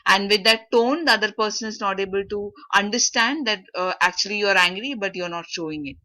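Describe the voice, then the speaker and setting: A woman leading an online class, often pausing with fillers as she searches for words, heard over a video call. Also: medium pitch, sharp tone. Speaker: workshop facilitator. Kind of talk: interactive online class talk.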